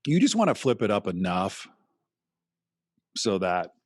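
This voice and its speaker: Deep voiced guy, ex radio host, chatty podcast guest, pretty dry sound. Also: unhurried, no echo. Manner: animated, talks in long stretches, acts out quotes. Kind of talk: casual interview chat.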